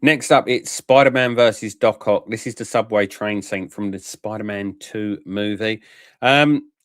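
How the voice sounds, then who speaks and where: Frank, chatty Englishman with a low voice. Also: unhurried, dry recording, studio quality. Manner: frank and chatty, with tag questions and many "um" fillers. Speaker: toy collector reviewer. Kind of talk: casual product review.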